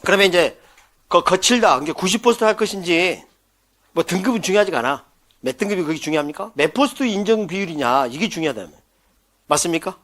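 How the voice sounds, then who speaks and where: A male lecturer with a rather high voice runs an exam-prep class. He turns the material into jokey acted-out scenes for memorizing. He keeps throwing quick check questions at his students. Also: a bit bright. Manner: playful, jokes and mimics scenes for mnemonics; quizzes listeners with quick questions.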